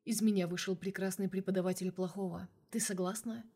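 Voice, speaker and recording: Woman doing a flirty male boss, teasing, low hushed half-whisper, audiobook character voice. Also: fairly even intonation, brisk, close to an everyday voice.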